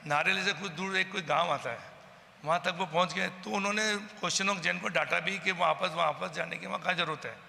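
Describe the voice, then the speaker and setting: A man gives a heated eyewitness account, stepping into the voices of the people he quotes. His voice is high, gravelly and very bright. It carries a long reverb over faint background noise. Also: fairly even intonation, fairly quick. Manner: agitated storytelling, acting out the quoted exchanges. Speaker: eyewitness from the local community. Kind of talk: personal account to a news camera.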